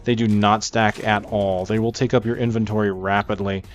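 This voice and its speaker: Narrating a gaming video, a man offers casual walkthrough commentary in a lowish voice with little pitch movement and a moderate pace. Video game music plays behind him, and the mic sounds slightly dull.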